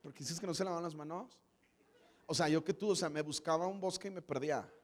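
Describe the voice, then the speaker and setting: A man's voice: on the high side, quick pace, a little hiss or hum, lightly acted. Man doing a snooty posh mocking drawl. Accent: Mexican Spanish. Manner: valley-girl style drawl, "o sea" fillers. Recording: long hall reverb.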